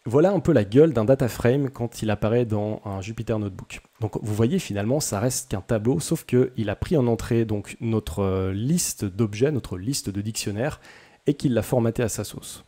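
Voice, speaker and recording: A man's voice: lowish voice, dark tone, slightly rough. A young man hosting a casual coding tutorial, chatty and self-deprecating, with many hesitations.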